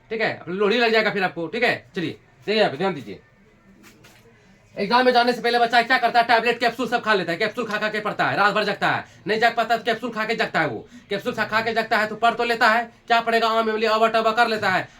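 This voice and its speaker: High-voiced teacher drilling a class. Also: male voice, sharp tone. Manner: repetitive, drills students with questions; scolding and joking with students. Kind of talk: classroom lecture.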